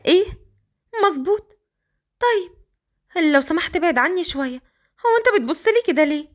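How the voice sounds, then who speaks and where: A woman with an Egyptian accent voicing a timid young orphan girl who pleads in a quick, anxious way. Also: very high-pitched, expressive, voice pushed up. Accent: Egyptian Arabic.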